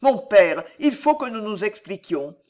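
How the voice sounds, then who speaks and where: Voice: mid-range voice, big pitch swings, unhurried, a little mellow. A reader voicing a tormented young knight. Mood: pleading. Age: young adult. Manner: fervent, pleading. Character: young male knight, earnest and tormented son. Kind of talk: audiobook reading.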